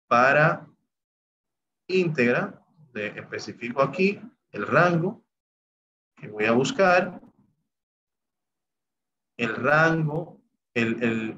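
A man with a mid-range voice leads a recorded screen-share Excel lesson, talking through each step the spreadsheet software performs and moving on with "bien" and "entonces." The recording is muffled, with slight background noise.

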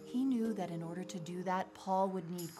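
A woman teaching a kids' Bible lesson in an animated storytelling way. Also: lowish voice, moderate pace. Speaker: children's church teacher. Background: background music.

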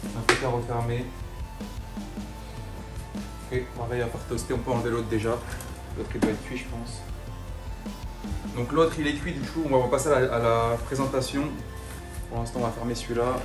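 In an echoey kitchen, a young man talks casually through some cooking. His slangy voice is mid-pitched and a little way from the mic, with music behind it. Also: fairly even intonation, normal speed, long pauses, recorded from a distance. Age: 20s. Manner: slangy, informal banlieue talk. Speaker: vlog host. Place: home kitchen. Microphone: camera a few steps away.

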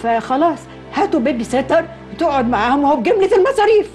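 A woman's voice: sits high, animated, rapid-fire, darkish tone, faint music behind. An actress playing a middle-aged Egyptian mother who scolds stubbornly about money. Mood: indignant. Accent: Egyptian Arabic. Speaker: mother-in-law.

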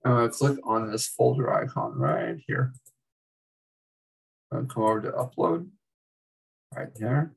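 A man giving a casual, chatty screen-recorded software tutorial as an instructor, with wry asides. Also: medium pitch, huge pitch swings, a little slow, creaky, long pauses, husky, far from the mic, low-quality recording.

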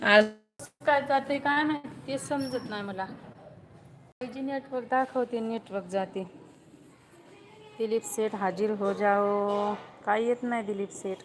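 A woman's voice: on the high side, moderate pace, a little hiss or hum. A woman live streaming on her phone, chatting casually with viewers, teasing them and greeting each one by name.

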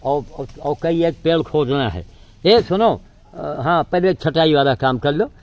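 A man's voice: on the high side, normal speed, no room sound, highs cut off. An older man talking outdoors, coaxing animals he is feeding and giving chores to a helper in between. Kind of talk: casual outdoor narration.

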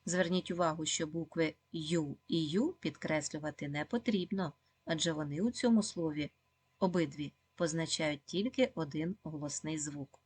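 Female primary teacher, low husky voice, dry close sound, patient encouraging delivery. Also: darkish tone, dry recording. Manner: slow, clear, encouraging, with frequent praise and questions to pupils. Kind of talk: video lesson for second graders.

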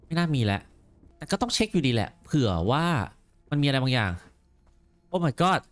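Excitable man commenting on a game. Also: mid-range voice, fast, soft background music. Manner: excitable, exclaims and repeats words in bursts. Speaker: gameplay commentator. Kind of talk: let's play commentary.

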